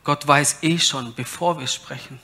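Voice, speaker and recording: Slow, bright-voiced man preaching. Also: fairly high pitch. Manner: emphatic, asks listeners rhetorical questions, reads scripture aloud. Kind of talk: sermon.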